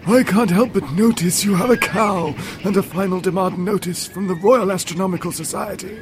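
A sly old bean peddler, voiced by a man, wheedling and pushy in a panto tale. His voice sits high for a man, with a faint hiss of background noise. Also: normal speed, close to an everyday voice. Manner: wheedling salesman patter.

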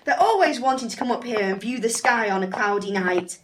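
A woman's voice: fairly high pitch, lively intonation, a little fast, heavy background noise, lightly acted. A woman playing a chatty, motherly giant's wife who fusses over a visitor. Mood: fussing. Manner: chatty, fussing.

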